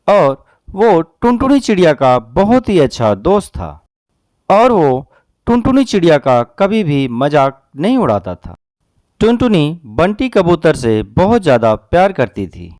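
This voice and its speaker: A man's voice: fairly high pitch, very animated, unhurried, a little mellow, dry recording, studio quality. A man narrating a children's cartoon story.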